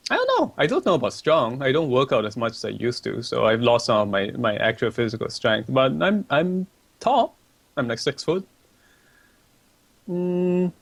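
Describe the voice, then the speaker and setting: A medium-pitched male voice, recorded dry, belongs to a young livestream host from Malaysia. Sitting at a desk microphone, he reads out viewer questions and answers them in a chatty, rambling manner.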